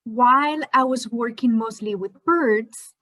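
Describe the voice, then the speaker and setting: With a fairly bright, high-leaning voice and an unhurried delivery, a Spanish PhD student in her twenties narrates an educational slideshow. Spanish is her first language, and she sounds friendly while using plenty of fillers.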